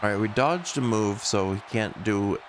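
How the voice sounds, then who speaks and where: Low-voiced man doing casual gameplay commentary. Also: normal speed, background noise. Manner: conversational, thinking aloud. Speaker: game streamer, VTuber.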